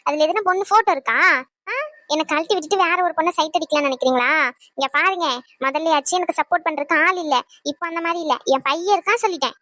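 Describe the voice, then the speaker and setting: Lady doing a giggly young wife in a cartoon, high voice, fast. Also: fairly bright tone. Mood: playful. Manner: coaxing, playful, giggly. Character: cheerful pregnant young wife, teasing and loving. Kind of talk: cartoon voice acting.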